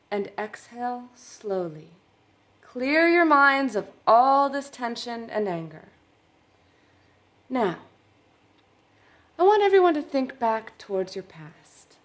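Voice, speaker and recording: A woman's voice: on the high side, sing-song, takes it slowly, pauses often. An actress playing an inexperienced woman therapist leading a support group, with earnest, probing questions. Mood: soothing.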